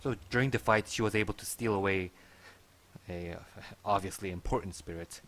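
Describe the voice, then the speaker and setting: A man's voice: low-pitched, a little fast, fairly bright tone, a little hiss or hum. A man giving casual, musing gameplay commentary, somewhat hesitant. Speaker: game commentator. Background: faint game music.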